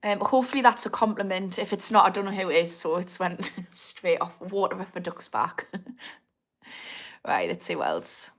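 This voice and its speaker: This woman in her thirties has a lowish, animated voice and a Geordie accent, and she speaks at a normal speed. Chatting casually on a livestream, she answers comments from viewers, teasing herself and laughing often.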